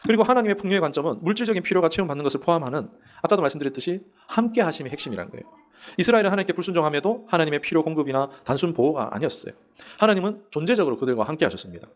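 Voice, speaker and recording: A man's voice: a little high, animated, racing. A male pastor preaching a Sunday sermon in a conversational way, asking the congregation questions and acting out the voices in his stories. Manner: acts out quoted prayers and voices in the stories. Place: church sanctuary.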